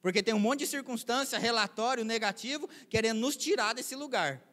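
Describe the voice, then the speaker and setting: A man preaches to his congregation, his voice sitting high. He keeps the sermon conversational, throwing out rhetorical questions. The sound carries a long reverb from the church hall. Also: fairly quick, a bit bright. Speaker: pastor.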